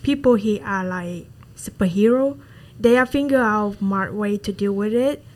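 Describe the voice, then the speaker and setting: Halting Vietnamese-accented woman. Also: medium pitch, rough recording. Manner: halting, searching for words, plain chatty phrasing. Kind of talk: student discussion role-play.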